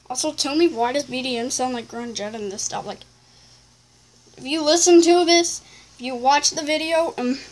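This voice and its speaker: A woman reading viewer comments aloud in a casual vlog, with halting, rambling replies and self-corrections. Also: high voice.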